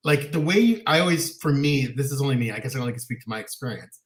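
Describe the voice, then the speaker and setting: A man's voice: medium pitch, expressive, rapid-fire. A man co-hosting a casual talk show, chatting in a rambling, earnest way with many restarts. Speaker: co-host. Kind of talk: casual chat. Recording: roomy echo.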